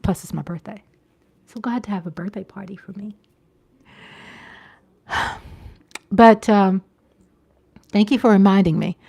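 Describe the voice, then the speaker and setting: A woman in her fifties hosts a livestream, chatting casually with viewers, repeating phrases and checking in with "you know." Her medium-pitched voice is unhurried and a little mellow, slightly rough with vocal fry and long pauses.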